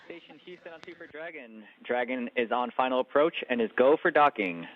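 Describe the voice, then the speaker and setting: A man working as ground controller, giving brisk procedural radio calls over a breaking-up space-to-ground link. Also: medium pitch, animated. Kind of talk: radio call-outs. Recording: tinny dry radio link.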